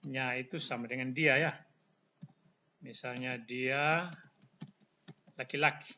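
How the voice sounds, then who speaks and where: A man teaching a language lesson, pausing and drawing out example phrases so learners can follow along. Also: mid-range voice, fairly even intonation, sharp tone, lo-fi sound, a little hiss or hum. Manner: slow, drawn-out example phrases, repeated for learners.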